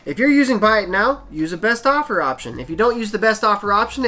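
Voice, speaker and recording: A man's voice: high-pitched, sharp tone. A man hosting his own channel, giving practical selling advice in a casual, plain-spoken way. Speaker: channel host, eBay seller. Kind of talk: casual how-to talk to camera.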